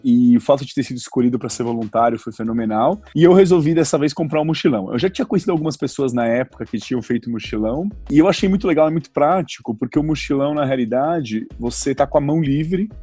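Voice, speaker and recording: A man in his forties from São Paulo, talking casually as a podcast guest. His voice sits at a middle pitch with a dark, mellow tone, recorded close and dry. He keeps stopping and restarting his sentences as he thinks. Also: quick pace, few pauses, breathy edge, no echo, faint music behind. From Brazil (São Paulo). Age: 40s. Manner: hesitant, many restarts and fillers. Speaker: guest traveler. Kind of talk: casual interview talk.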